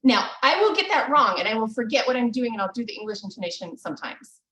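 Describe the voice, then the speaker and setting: A woman teaching a language lesson over a video call, patient and encouraging, often pausing with ums. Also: on the high side, expressive, sharp tone. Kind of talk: live online language lesson. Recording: echoey, distant video call audio.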